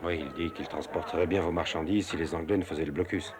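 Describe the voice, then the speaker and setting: An actor playing an adventurous sea captain who is polite, brisk and quick-witted. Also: male voice, extremely low pitch, fairly even intonation, crowd noise. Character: adventurous middle-aged male smuggler-captain.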